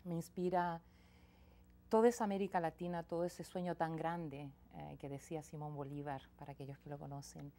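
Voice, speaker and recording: A Chilean singer-songwriter speaks as a guest in a small TV studio interview, her low voice steady and a little fast. She talks reflectively and softly in casual conversation, often restarting her sentences, recorded on a lapel mic.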